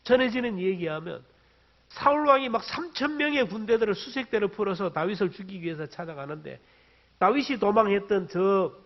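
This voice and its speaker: High-pitched preaching pastor, lo-fi. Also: male voice, animated, a little fast. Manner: conversational preaching with rhetorical questions, rising to emphatic bursts. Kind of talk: sermon. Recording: dull lo-fi church recording.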